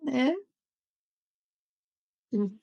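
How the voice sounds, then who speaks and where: A woman's voice: sits high, very slow, vocal fry, dark tone, husky, muffled recording. A woman teaching an online class in a conversational way, often checking in with her listeners. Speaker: therapist teaching an online course. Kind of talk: live online class talk.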